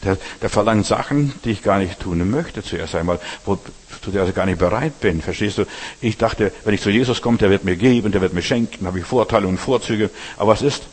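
Man preaching a sermon, husky, low-pitched, talks straight to listeners. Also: fairly quick, big-room sound. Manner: direct address with frequent "verstehst du".

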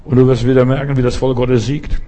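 A man's voice: mid-range voice, level tone, fairly quick, warm tone. A man preaching a sermon in an earnest, direct way, speaking straight to each listener.

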